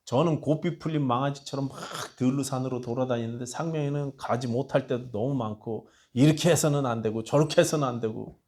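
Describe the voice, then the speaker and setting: A man preaching a sermon as pastor, telling a personal story and pleading with his congregation. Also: medium pitch. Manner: storytelling, dropping to a hushed voice for tender quotes and rising to loud appeals.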